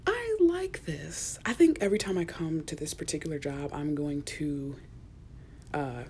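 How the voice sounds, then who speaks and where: Young woman, solo podcast host, lower-pitched, soft and rambling, many ums and restarts, slips into whispers, faint background rumble. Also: creaky. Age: young adult. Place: small enclosed room at work.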